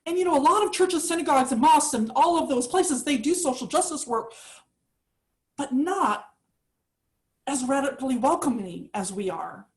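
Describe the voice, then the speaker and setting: A woman minister giving a sermon in a lively, chatty and enthusiastic way. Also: high voice, moderate pace.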